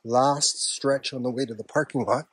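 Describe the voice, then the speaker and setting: A man with a slightly husky voice gives casual, unhurried, offhand narration to his camera while walking a trail outdoors. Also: medium pitch, fairly even intonation, no room sound. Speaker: hiking vlogger. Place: outdoors on a park trail with a stream nearby.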